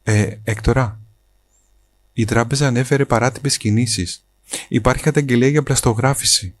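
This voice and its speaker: A man's voice: mid-range voice, fairly even intonation, no echo, voice pushed up, lightly acted. A man voicing a frightened young wife in a storybook reading, urgent in tone. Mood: alarmed.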